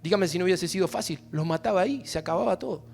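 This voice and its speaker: High-voiced Argentine pastor preaching. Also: male voice, rapid-fire, creaky, faint music behind. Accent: Argentine Spanish. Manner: preaching, rising to loud emphatic shouts on key lines. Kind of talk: sermon. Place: church service.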